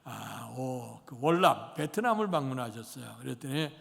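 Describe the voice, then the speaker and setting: A man's voice: medium pitch, expressive, normal speed, creaky, a bit bright. A man in his sixties preaching a Sunday sermon as pastor, rambling through an anecdote with many fillers. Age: 60s. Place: church sanctuary. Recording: long church hall reverb.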